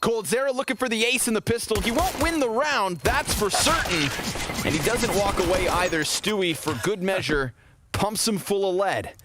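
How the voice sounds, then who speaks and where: A man calling esports play-by-play commentary, getting excited as the action rises. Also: high-pitched, moderate pace, very noisy. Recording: game sounds and gunfire behind.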